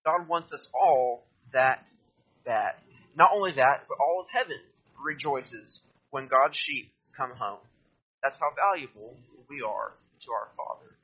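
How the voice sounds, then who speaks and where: A man's voice: medium pitch, measured pace, fairly bright tone, slightly rough, dull audio. A man preaching a sermon, reading scripture aloud, explaining it and asking listeners to turn to verses. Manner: addresses listeners directly, asks them to turn to verses.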